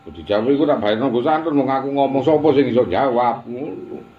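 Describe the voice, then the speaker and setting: A man's voice: mid-range voice, lively intonation, quick pace, narrow, tinny audio. A man giving an informal religious talk, chatty, with teasing asides. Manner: chatty, mixing Javanese and Indonesian, teasing asides. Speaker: religious teacher.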